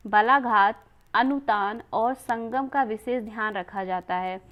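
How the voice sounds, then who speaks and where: A woman teacher goes over exam questions with students, repeating each question and answer, asking rhetorical questions, and weaving words into her speech. Her voice is a little high and slow, and the sound is lo-fi.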